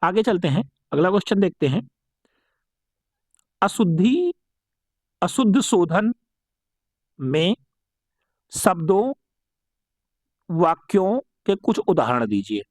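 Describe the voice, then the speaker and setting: A man with a high, animated voice teaches exam-prep grammar, pitch leaping up and down as he goes. He keeps asking "what is it?" and answering himself, then repeats each correct form. The sound is close and dry, with no room echo. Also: slow pace, pauses often. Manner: asks rhetorical questions and answers them himself.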